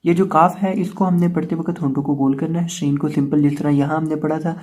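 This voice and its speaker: A man with an Urdu accent teaching Quran reading, explaining each letter patiently and repeating words slowly. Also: on the high side, fairly even intonation, darkish tone. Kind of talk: step-by-step recitation lesson.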